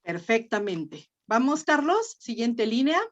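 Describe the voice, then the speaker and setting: Mexican lady teaching latin over a video call, patient and encouraging, slightly high voice, muffled lo-fi audio. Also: sing-song, slow. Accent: Mexican Spanish. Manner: patient, encouraging, corrects pronunciation. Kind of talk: online class instruction.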